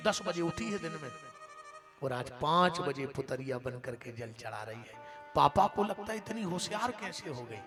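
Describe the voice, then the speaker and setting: A male preacher with a Bundeli accent telling an emotional devotional sermon, his voice swelling loud at its peaks. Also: a little high.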